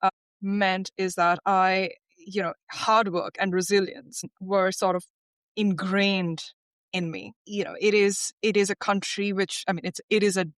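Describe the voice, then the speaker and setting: Woman lawyer, reflective interview guest, close dry sound, mid pitch. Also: flat delivery, unhurried, no room sound. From India. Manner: thoughtful, frequent restarts. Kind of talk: podcast interview.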